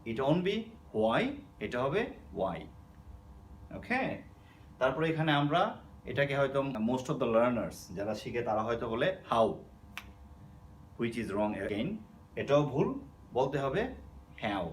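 A man's voice: medium pitch, normal speed, a little hiss or hum. Man teaching English word sounds. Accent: Bangladeshi. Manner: explains patiently, repeating words and asking "okay?". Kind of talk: spoken language lesson.

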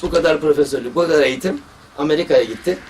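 Very fast and fairly high in pitch, a surgeon narrates stories from his career in a religious talk, bringing others' words to life as he quotes them. Faint background noise accompanies the distant-mic recording.

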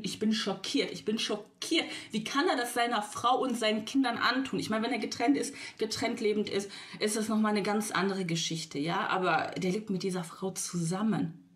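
A woman vlogger telling a storytime to her viewers, retelling a text chat line by line with indignant, exasperated asides. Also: lowish voice. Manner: lively retelling, quotes text chats back and forth; indignant, exasperated asides, sometimes drops to a whisper.

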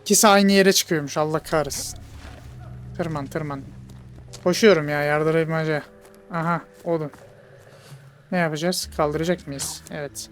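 A man giving casual let's play commentary, jokey and excitable, bantering with game characters. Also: on the high side, measured pace, pauses often, faint music behind. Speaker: gamer.

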